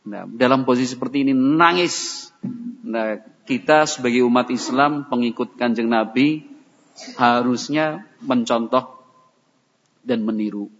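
A man's voice: mid-range voice, unhurried, pauses often. A man preaching an Islamic study sermon, telling stories and slipping into phrases and chanted Quranic verses. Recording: dull audio in a reverberant hall.

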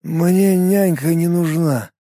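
A man voicing a drunk, bitter policeman who talks slowly and with a slur. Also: on the high side, dark tone, no room sound, clean studio sound. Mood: sullen. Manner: slurred, slow, surly. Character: drunk bitter male cop, gruff and sullen.

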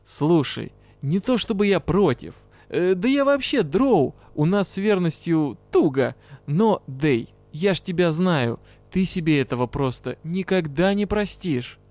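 A man voicing a brash male dark elf partner in an audiobook, gruff, teasing and bluntly scolding. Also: on the high side, animated, unhurried, few pauses, no echo, soft background music, pitched above the performer's own voice. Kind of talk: audiobook character voice.

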